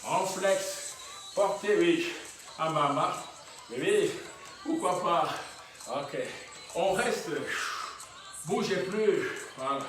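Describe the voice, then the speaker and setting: This fitness instructor speaks slowly in a high-sitting voice, pausing often between his brief, encouraging workout cues and frequent chuckles. The recording is very echoey and distant, with faint music in the background.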